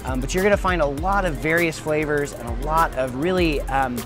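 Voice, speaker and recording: Chatty food vlog guy, a bit high voice, talks up every dish, music in the back. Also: brisk. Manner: enthusiastic, chatty, describes food. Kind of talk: casual food vlog narration. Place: restaurant patios and city streets. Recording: music playing behind.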